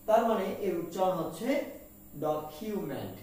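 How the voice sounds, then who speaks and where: A man's voice: high voice, expressive, a little slow, darkish tone, slight background noise. A man teaching English pronunciation, who spells each word letter by letter and repeats it with drill questions. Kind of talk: pronunciation lesson. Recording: echoey room from far off.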